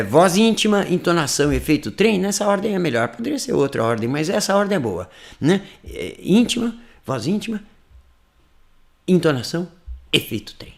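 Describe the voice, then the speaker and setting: A Brazilian man teaching English in a live online class, explaining in Portuguese and whispering sample phrases. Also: high voice.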